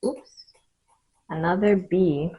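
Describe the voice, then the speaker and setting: A woman giving an improvised mystical tarot reading straight to the viewer, speaking in short, halting phrases with pauses between them. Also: lowish voice, dark tone, breathy edge, rough recording. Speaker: tarot card reader hosting readings.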